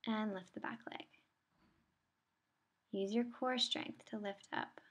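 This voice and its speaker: A woman's voice: medium pitch, fairly even intonation, takes it slowly, a bit bright, slightly rough. Soothing woman yoga teacher. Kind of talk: guided yoga class instruction.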